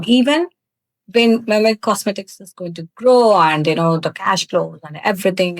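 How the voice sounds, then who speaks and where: A woman's voice: medium pitch, rough recording. Woman with a thick South Indian accent. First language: Tamil. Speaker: interview guest, cosmetics business founder. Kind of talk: conversational interview answers.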